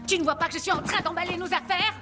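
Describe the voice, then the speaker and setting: A woman's voice: very high-pitched, fairly even intonation, very fast, music in the background. A bossy scolding woman. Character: bossy, impatient woman salon client.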